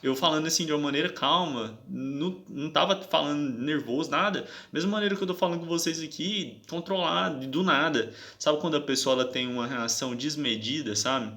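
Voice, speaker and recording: A man's voice: a little high, brisk, few pauses, pushed and bright. A young man tells his story casually to viewers, in an aggrieved, slangy way, and keeps checking "sabe?".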